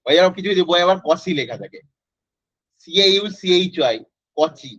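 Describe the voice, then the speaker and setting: A man's voice: high-pitched, animated, fairly quick, a bit bright, slightly rough, no echo. A male physics tutor, teaching an online class in a casual way and quizzing students by name. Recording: dry, slightly dull lo-fi audio.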